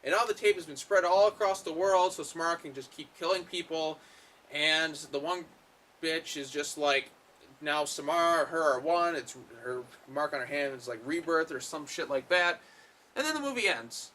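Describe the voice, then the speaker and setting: A man's voice: on the high side, moderate pace, sharp tone. A man giving a casual, rambling film review, full of fillers and blunt swearing. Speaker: movie reviewer.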